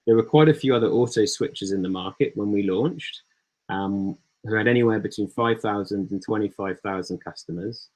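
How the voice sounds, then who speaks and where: A startup founder giving a slide presentation in an easygoing way, with many ums and uhs, over a video call. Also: male voice, lowish voice, fairly quick, poor audio. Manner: relaxed, filler-heavy delivery.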